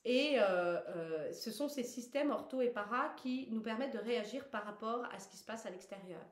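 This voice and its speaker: A woman leading a guided self-massage lesson, giving calm step-by-step instructions and explaining as she goes. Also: fairly high pitch, normal speed. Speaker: wellness instructor. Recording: roomy echo.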